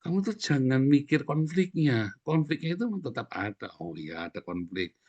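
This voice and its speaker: A man preaching a lively sermon, joking and acting out voices. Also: medium pitch, moderate pace, dry recording, highs cut off. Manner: animated, jokes and acts out quoted voices. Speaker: pastor.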